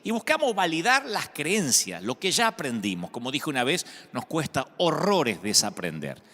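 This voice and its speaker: A man's voice: on the high side, wildly swooping pitch, moderate pace, bright, forceful tone. A man with an Argentine accent, a pastor preaching a sermon with conversational storytelling and humor. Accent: Argentine Spanish. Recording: echoey hall sound.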